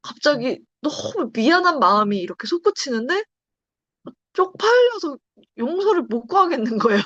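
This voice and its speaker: A pastor's wife tells her testimony with an animated, fairly high voice that rises and falls as she acts out the scenes she remembers. The sound is dull and lo-fi, with a dry, close feel. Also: normal speed, no room sound. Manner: expressive storytelling, acts out quoted lines. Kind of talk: personal testimony conversation.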